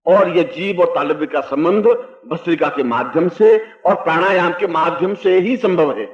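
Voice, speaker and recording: An older man giving a spiritual discourse, explaining slowly and emphatically and chanting Sanskrit verses, recorded in a dull, echoey old hall. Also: a little high. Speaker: spiritual teacher.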